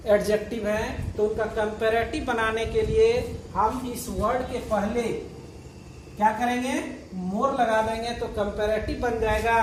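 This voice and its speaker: Slow-spoken teacher in an echoey room. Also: male voice, high-pitched, distant mic, slight background noise. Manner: asks rhetorical questions and answers them himself; repeats and spells out words patiently. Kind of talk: classroom grammar lesson.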